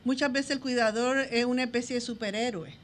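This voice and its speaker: A woman's voice: fairly high pitch, steady tone, fairly quick, a little hiss or hum. A woman behavior specialist explaining at length on a radio talk show, speaking directly to the listener.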